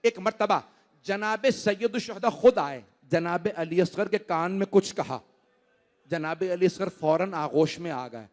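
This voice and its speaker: A man's voice: high-pitched, a little slow. A man preacher reciting a mourning sermon. He tells the story with mounting passion, speaks straight to his listeners, and rises to cries. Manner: impassioned storytelling, builds to cries; addresses the audience directly. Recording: long hall reverb.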